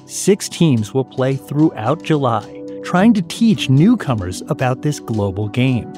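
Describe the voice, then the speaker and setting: A man's voice: mid-range voice, sing-song, a little slow, darkish tone, faint music behind. Man hosting a news podcast. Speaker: podcast host. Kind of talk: scripted narration and interviewing.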